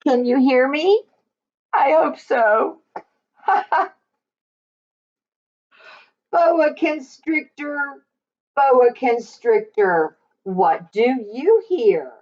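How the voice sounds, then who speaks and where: A woman reads a picture book aloud to young children, her high voice sing-song and drawn-out. She asks her listeners questions along the way. The highs are cut off.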